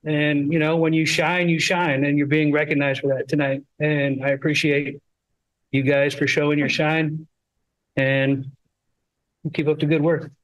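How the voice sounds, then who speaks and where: A man's voice: on the high side, level tone, a little slow, rough recording. A man school board member giving casual, conversational congratulations at a meeting. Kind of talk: informal remarks at a board meeting.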